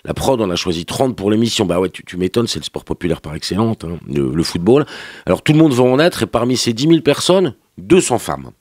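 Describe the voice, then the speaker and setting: A man's voice: lowish voice, lively intonation, fairly quick, a little mellow, dry recording, clean studio sound. A man with a French accent delivering a sarcastic, slangy TV review as a morning radio columnist. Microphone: studio microphone.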